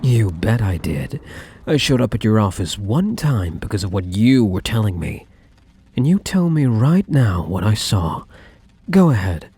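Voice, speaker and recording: A man playing a possessive, lovesick ex-boyfriend in an ASMR role-play, speaking intensely and defensively to the listener with dramatic pauses. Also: lowish voice, very animated, warm tone, breathy edge, exaggerated voice. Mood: defensive, demanding. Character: possessive, obsessive ex-boyfriend, self-justifying and lovesick.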